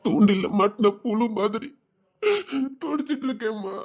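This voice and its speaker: A man's voice: high voice, normal speed. A man playing a grief-stricken father who cries and pleads with his daughter for forgiveness in a TV serial. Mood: anguished. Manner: sobbing, pleading, breaking into tearful laughs. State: crying. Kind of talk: TV serial acting.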